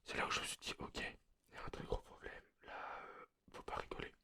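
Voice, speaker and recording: Whispered role-play: male performer as nervous male doomsday survivor, halting delivery through a face mask, sharp breathy whisper. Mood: uneasy. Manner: hesitant, halting storytelling. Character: anxious male survivor of a meteorite apocalypse.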